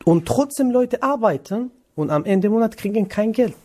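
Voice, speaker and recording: A young man from northern Iraq, talking in a radio interview. His voice sits a touch higher than most men's. His German is halting, with many pauses and fillers. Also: expressive, warm tone. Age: 20s. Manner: hesitant non-native German with many fillers. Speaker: interviewee, trainee cook.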